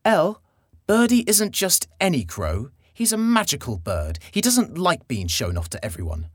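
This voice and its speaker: A storyteller voicing a calm older boy who answers with mild, patient exasperation. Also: mid-range voice, normal speed, breathy edge, dry recording, studio quality, pitched above the performer's own voice.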